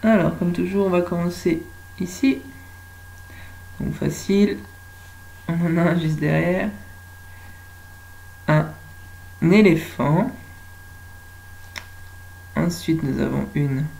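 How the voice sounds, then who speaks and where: A French woman teaching young children at home, speaking slowly and stretching out words so they can follow. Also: on the low side, vocal fry, a little mellow, a little hiss or hum, rough recording. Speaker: kindergarten teacher.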